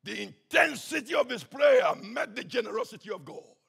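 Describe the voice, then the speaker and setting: A man preaching a sermon with passion, swinging between shouts and hushed tones. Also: very high voice, lively intonation, moderate pace, gravelly, husky. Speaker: pastor.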